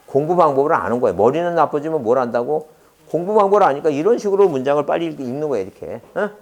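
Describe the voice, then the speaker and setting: A man's voice: a little high, expressive, rapid-fire, darkish tone. A man lecturing a law exam class, firing rhetorical questions and answering them himself while repeating key terms.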